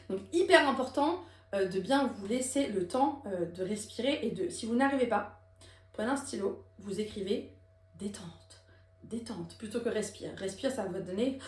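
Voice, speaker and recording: A woman teaching a singing lesson, explaining technique and demonstrating high belted lines. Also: roomy sound. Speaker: vocal coach.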